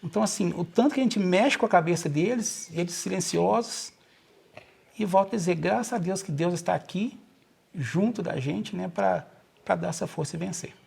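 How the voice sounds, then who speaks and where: Gravelly-voiced middle-aged man telling his story. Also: high voice, moderate pace, a little mellow. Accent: Minas Gerais Brazilian Portuguese. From Brazil. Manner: earnest storytelling, repeats himself and restarts. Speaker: guest, nurse. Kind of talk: casual personal account.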